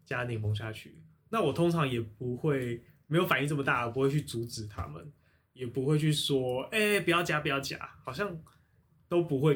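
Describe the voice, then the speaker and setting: Animated podcast man. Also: medium pitch. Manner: animated storyteller who retells scenes. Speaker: podcast co-host. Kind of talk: casual podcast chat.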